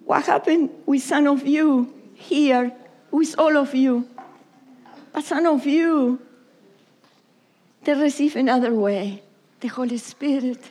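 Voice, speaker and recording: At a church service, a woman pastor from Argentina preaches in halting, repetitive English that sometimes falls to a whisper. Italian is her first language, though she speaks with an Argentine accent. Her voice is high with a darkish tone.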